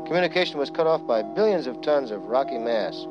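In a mid-range voice that's expressive and slightly quick, a man reads scripted documentary narration with a wry, storytelling touch. Music plays behind him, and the sound is a bit dull.

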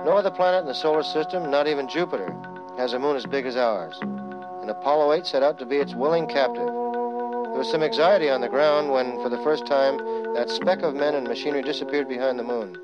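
A man's voice: mid-range voice, a little fast. A man reading a scripted documentary narration in a wry, storytelling manner. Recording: slightly dull sound, music behind.

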